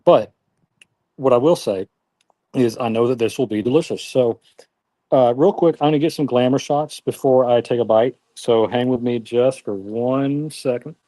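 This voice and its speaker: A man's voice: mid-range voice, moderate pace, warm tone, no echo. A man hosting a casual live cooking stream, chatting with viewers in a self-deprecating way. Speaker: grill streamer.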